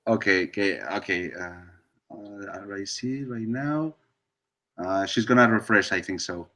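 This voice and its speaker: A man's voice: fairly low pitch, measured pace, bright, forceful tone. Hesitant man with a Basque accent. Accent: Basque Spanish. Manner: hesitant non-native English. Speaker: film-maker guest in live chat. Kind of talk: casual live video chat. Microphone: video call.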